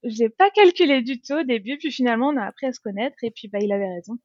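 Young woman, from France, casual interview, fairly high voice, frequent laughs, many fillers, dry, muffled lo-fi audio. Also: expressive, fast, dry recording. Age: young adult. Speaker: interview guest.

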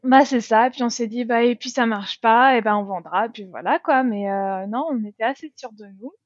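A young woman from France talks casually in an interview, her voice sitting fairly high and laughing often between hesitant "euh"s. The recording is dull and lo-fi, with a dry sound and no room around it. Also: normal speed, dry recording. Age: young adult. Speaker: interview guest.

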